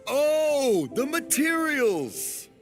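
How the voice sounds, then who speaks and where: A man's voice: fairly high pitch, big pitch swings, measured pace, music in the background. An actor playing a cheerful, muddled, hard-of-hearing old father in a video game. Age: older. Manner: genial, muddled, mishearing.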